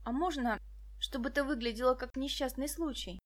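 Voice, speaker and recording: A woman's voice: high voice, normal speed, a bit bright. Hesitant young male crook, cautious and nervous, voiced by a woman in a storybook.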